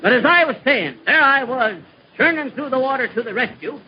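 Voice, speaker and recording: A bragging, folksy teller of tall tales, who rambles and trips over his words in a fairly high voice. The sound is a scratchy, noisy 1930s radio broadcast with dull, muffled highs. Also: animated, a little fast. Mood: boastful. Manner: folksy rambling yarn-spinner, slips of the tongue. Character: boastful middle-aged man spinning tall tales. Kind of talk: 1930s radio comedy acting.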